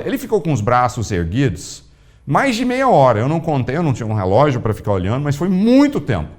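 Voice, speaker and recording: Animated preaching man, lively pitch. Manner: animated storytelling, acting out dialogue with big pitch swings. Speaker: pastor. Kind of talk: sermon.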